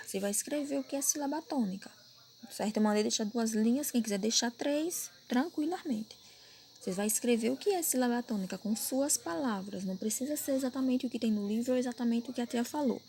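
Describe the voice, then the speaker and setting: Teaching primary schoolers, a woman with a Brazilian Portuguese accent records a grammar lesson, patiently restating points and confirming her pupils understand. She has a mellow, medium-pitched voice, and there is slight background noise.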